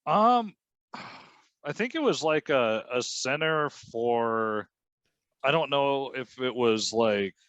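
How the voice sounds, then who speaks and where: Slow, hesitant man with a lively pitch. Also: no room sound, highs cut off. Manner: hesitant, laughs often. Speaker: podcast co-host. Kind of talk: casual chat.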